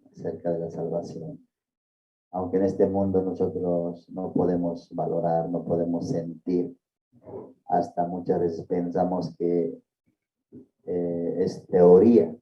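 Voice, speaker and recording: A man leading a church service, thanking a speaker and formally introducing the pastor. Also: low voice. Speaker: service leader. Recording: echoey hall from far off, dull sound.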